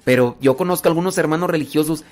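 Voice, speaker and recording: A man's voice: on the high side, fast talker. A man with a Mexican Spanish accent giving a casual, conversational moral talk, often acting out little everyday scenes to make his points. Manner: conversational, acts out little scenes, frequent fillers.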